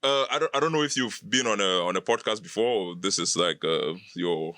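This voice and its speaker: A man's voice: fairly low pitch, brisk, bright, forceful tone, no room sound. A man hosting a podcast, enthusiastic and laughing often, asking questions with many restarts. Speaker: podcast host. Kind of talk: casual interview chat.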